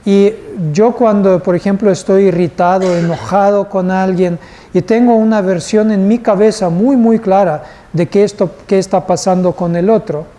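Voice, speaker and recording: A man's voice: high voice, mellow. A male instructor teaching a live class, patient and asking the group questions. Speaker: course instructor.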